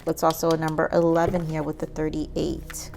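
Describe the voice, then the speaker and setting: A woman's voice: low voice, completely flat delivery, moderate pace, creaky, darkish tone, soft background music. A woman giving a casual tarot reading, musing aloud with many "like"s and "um"s as she pulls cards. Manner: musing, says "like" and "um" often, talks to spirit while pulling cards. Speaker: tarot reader.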